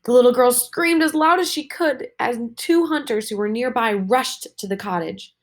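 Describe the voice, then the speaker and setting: A woman teacher reading a storybook aloud to her students, slow and expressive. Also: a little high.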